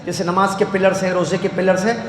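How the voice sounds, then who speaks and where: High-voiced male teacher in an echoey hall. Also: little pitch movement. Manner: asks the class questions and answers them himself, repeats key words. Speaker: Islamic studies teacher. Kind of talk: classroom lecture. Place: lecture hall. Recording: echoey hall with faint background noise.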